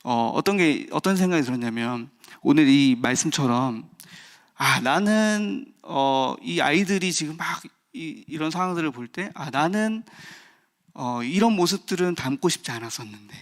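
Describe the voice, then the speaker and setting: Pastor, male, thirties, at a dawn service; candid, personal delivery with frequent pauses and restarts. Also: a little high, expressive. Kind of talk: early-morning sermon.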